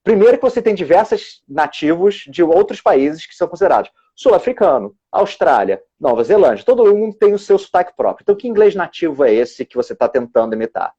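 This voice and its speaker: A man's voice: fairly high pitch, big pitch swings, fairly quick, hardly any pauses, mellow, breathy edge. A man, an English teacher and exam examiner explaining on a live stream, often restarting his words. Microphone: video call. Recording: dull lo-fi video call audio.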